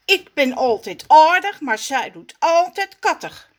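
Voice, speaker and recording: A woman voicing a boastful, excitable male animal in a storybook reading, loud and quick to flare up. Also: high voice, voice pushed up. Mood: indignant. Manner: bragging, loud and hot-tempered.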